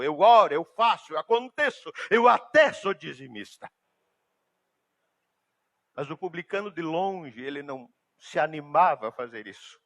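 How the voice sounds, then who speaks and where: A male pastor preaching a sermon, emphatic and swinging from hushed, slow passages to loud, high-pitched outbursts.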